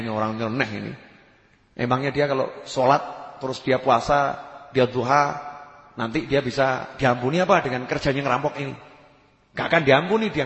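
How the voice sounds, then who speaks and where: A man's voice: medium pitch, fairly bright tone. A male preacher giving a conversational sermon and asking the listeners rhetorical questions. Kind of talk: sermon with storytelling. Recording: echoey hall with long reverb.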